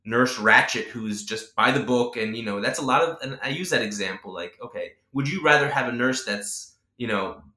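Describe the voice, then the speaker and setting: A man talks in a casual interview with a bright, forceful voice. He is animated and opinionated, and often restarts his sentences as the thoughts pile up. The sound is roomy and echoey. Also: medium pitch, normal speed, hardly any pauses. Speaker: guest, chatbot character designer. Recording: echoey room.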